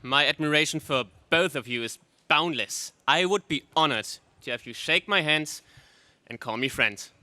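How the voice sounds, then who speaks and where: A man's voice: a little high, normal speed, sharp tone, no room sound. A man playing a proud, earnest rebel prince with formal, declamatory delivery in a space serial radio drama. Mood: noble resolve.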